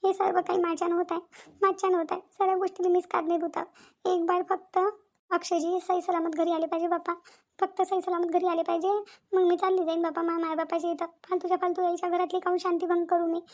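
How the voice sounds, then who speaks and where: A woman voicing a high-pitched pleading village daughter-in-law. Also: flat delivery, fast talker, a little mellow. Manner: pleading, repetitive wailing. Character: anxious young village daughter-in-law, tearful, guilty. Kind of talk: cartoon voice acting.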